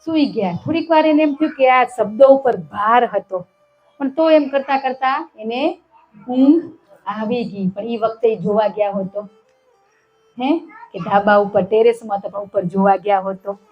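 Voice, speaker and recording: A spiritual satsang speaker gives a devotional talk, telling a parable and repeatedly asking her listeners short questions. She acts out the characters' shouted lines. Her voice is fairly high and measured, and the lo-fi recording has faint music behind it.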